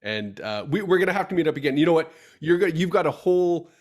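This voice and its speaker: A man's voice: on the high side, expressive, fast talker. Storytelling male podcast host. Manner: storytelling, acting out quoted dialogue. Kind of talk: casual podcast chat.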